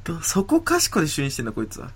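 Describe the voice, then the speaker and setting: A man's voice: on the high side, wildly swooping pitch, rapid-fire, husky. A man co-hosting a casual comedy radio talk show, reading listener letters in a mock-formal tone and teasing his partner with frequent laughter.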